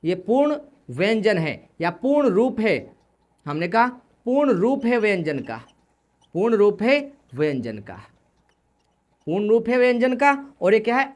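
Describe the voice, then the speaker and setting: Woman teacher going over grammar, voice bouncing up and down a lot, keeps repeating herself. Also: medium pitch. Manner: repetitive, asks questions then answers them. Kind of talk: classroom lesson explanation.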